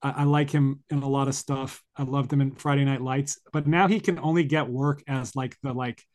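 A man guesting on a podcast as a film analyst, thoughtful, wry and halting. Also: mid-range voice, fairly even intonation, a little mellow. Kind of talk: casual chat.

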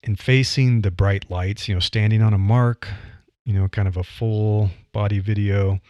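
Here a middle-aged Midwestern podcaster and writer offers a relaxed, reflective monologue about voice delivery, leaning on "you know" fillers and chuckling now and then. His fairly low voice is warm and steady at a moderate pace. The sound is lo-fi but has no echo.

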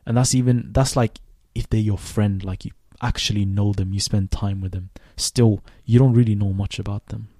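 A man in his twenties, raised in Sweden, hosting a reflective solo podcast in a thoughtful, unhurried way with many restarts. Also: on the low side, fairly even intonation, mellow, no echo. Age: 20s. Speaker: podcast host.

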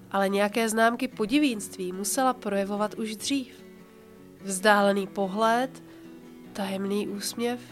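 A woman hosting a podcast reads a longer passage aloud in a calm, measured way. She slows down and grows quieter on the important lines. Her voice sits at a middle pitch, with soft guitar music playing faintly in the background. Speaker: podcast host and author. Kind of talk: reading a book passage aloud with commentary.

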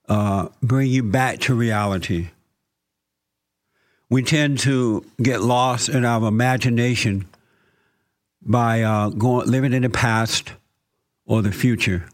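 Slow, calm man guiding a meditation. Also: medium pitch. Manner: slow, calm instructions with repeated phrases and scripture. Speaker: meditation guide.

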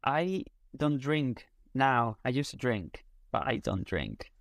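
A man from Spain, a native Spanish speaker and content creator, chats casually in English as an interview guest, with a Spanish accent. His mid-range voice has big pitch swings, a slow pace and vocal fry, and he often searches for words. The studio sound is clean with no echo.

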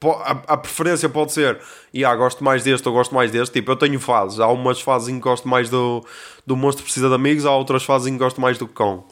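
A young man with a European Portuguese accent, rambling casually as a podcast host and acting out dialogue in quick quotes. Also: mid-range voice, fairly even intonation, a bit bright. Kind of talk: casual monologue.

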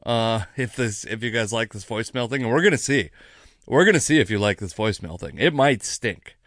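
An American comedian and podcast host, mildly tipsy after a few drinks, rambles through a casual solo monologue with self-deprecating humor and occasional swearing. His medium-pitched voice is fairly bright, and the recording is dry and studio quality.

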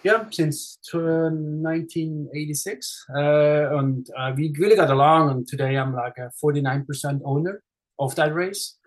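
This casual interview features a Swiss race director, middle-aged, speaking with a Swiss accent on the higher side at a moderate pace and fairly even intonation. He comes across friendly, stopping and restarting often and using many fillers.

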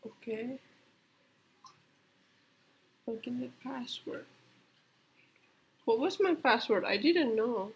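A tired woman co-hosting a casual podcast outdoors, relaxed and giggly, murmuring to herself, recorded on a laptop's built-in microphone. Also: a little high, takes it slowly, creaky, pauses often, slightly rough, low-quality recording. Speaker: podcast co-host. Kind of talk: casual chat. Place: outdoors in a public spot with people nearby.

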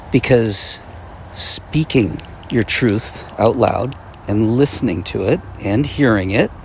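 A man giving a guided motivational mindfulness talk, speaking deliberately with long pauses, recorded outdoors in a busy park. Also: fairly low pitch, creaky, a little mellow, slight background noise. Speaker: self-help meditation coach. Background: park background sounds, passing vehicles.

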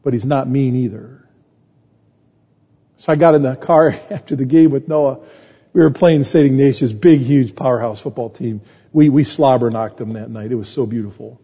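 Husky-voiced pastor in an echoing hall. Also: male voice, medium pitch, normal speed, mellow. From United States. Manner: storytelling with a conversational tone, voice rising when stressed. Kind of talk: sermon. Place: conference hall. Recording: muffled conference recording in a reverberant hall.

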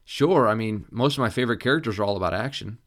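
A young man at a job interview answers hesitantly, tripping over his words, as a male narrator voices him. The tone is fairly low and unsure. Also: quick pace, a bit bright. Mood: nervous. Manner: hesitant and stammering.

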